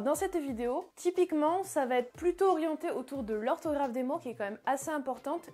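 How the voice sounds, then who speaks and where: High-voiced woman teaching English. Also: a little mellow. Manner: chatty, with fillers and restarts, repeats example words. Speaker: English teacher, channel host. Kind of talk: explanatory online lesson.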